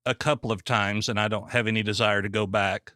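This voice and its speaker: A man hosts the conversation and puts plain, folksy questions to his guest. His voice sits low but sounds bright. The recording is close and dry. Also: little pitch movement, fairly quick, no echo. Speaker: podcast host. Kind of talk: interview questions.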